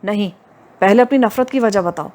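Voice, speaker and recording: A woman's voice: mid-range voice, a little mellow, close to an everyday voice. A woman voicing a lovesick young man in an audio novel, pleading earnestly.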